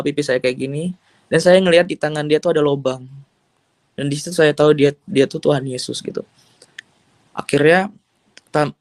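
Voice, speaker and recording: A man with a fairly high voice tells his story as an interviewee, earnest and rambling, leaning on casual fillers and slipping in English phrases. The sound is dry and close, with no room in it. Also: no room sound. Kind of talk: emotional personal testimony.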